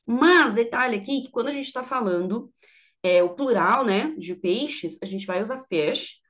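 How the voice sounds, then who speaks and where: A woman's voice: fairly high pitch, lively intonation, unhurried, fairly bright tone. A woman, teaching English grammar in an online lesson, patient and repeating each word for her students. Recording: dull lo-fi audio.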